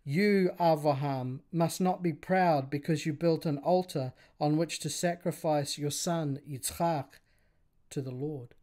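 A man's voice: a little high, a little slow, mellow, close to an everyday voice. A man reading the lines of a grieving, defiant mother of seven sons in a story told aloud. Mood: tender, resolute. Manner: pleading then defiant, read aloud.

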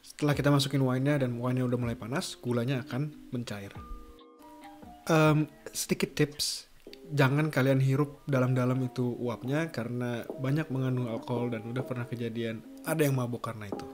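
Chatty young man in a kitchen. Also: mid-range voice. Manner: relaxed, chatty, drawn-out words. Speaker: cooking vlogger. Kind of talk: casual cooking tutorial. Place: home kitchen, indoors. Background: loud music.

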